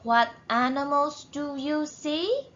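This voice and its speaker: A woman teacher reads a picture book aloud for children and asks them questions along the way. Her voice is bright and lively in pitch, and she speaks very slowly. The recording sounds slightly muffled. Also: a little hiss or hum. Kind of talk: reading a storybook to children.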